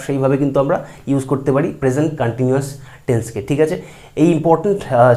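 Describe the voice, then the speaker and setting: A man teaching English grammar in a video lesson. He uses many fillers and slows down to say each English example sentence with care. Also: medium pitch, mellow. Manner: speaks slowly and carefully when giving English example sentences, with many fillers.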